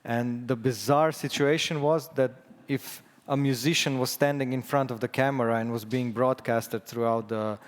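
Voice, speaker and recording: A Slovenian man presents at a conference in English, his second language, with a Slovenian accent. He speaks at an even middle pitch, hesitating often with fillers and restarts. His voice carries the long reverb of a conference hall. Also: moderate pace, hardly any pauses.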